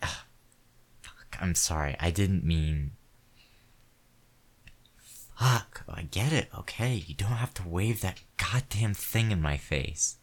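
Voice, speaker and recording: The performer gives a full, expressive character voice to a crude, short-fused man in a one-sided audio roleplay. Low and heavy, the voice moves slowly and deliberately, snarling and swearing through nearly every line until bluster sometimes turns to scared pleading.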